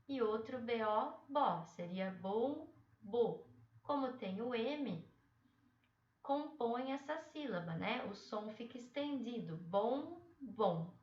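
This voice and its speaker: A woman teacher with a slightly high voice explains a spelling lesson at a very slow, patient pace. She keeps checking in with her young listeners. The sound is dull and distant. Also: a bit bright, roomy sound. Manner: explains step by step, often checks in with "né?" and "tudo bem?".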